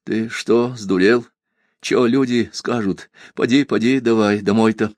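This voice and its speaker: A man's voice: on the low side, fairly even intonation, a little slow, a little mellow, no echo, clean studio sound, natural voice. A man reading an audiobook, voicing a tearful young village woman who pleads and cries out. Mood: pleading. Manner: pleading, sobbing, rising to cries.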